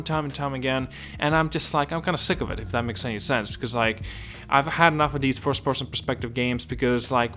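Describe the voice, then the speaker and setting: A man from Estonia talks through a new game in a loose, rambling way, often starting over mid-sentence. His voice sits in an ordinary middle pitch. Quiet music plays faintly under him. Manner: rambling, restarts a lot, keeps asking if it makes sense. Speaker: gaming video host. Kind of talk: casual gaming commentary.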